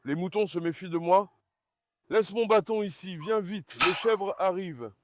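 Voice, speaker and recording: A man's voice: high-pitched, normal speed, background noise. A man vlogging from his farm in a casual, chatty way, coaxing his animals fondly. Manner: chatty, coaxing and fond when talking to animals. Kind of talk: casual vlog narration.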